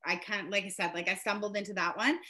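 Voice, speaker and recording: Bright-voiced chatty woman. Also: mid-range voice, steady tone, quick pace. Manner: chatty storyteller with frequent laughs and fillers. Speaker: realtor and podcast guest. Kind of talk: casual podcast conversation.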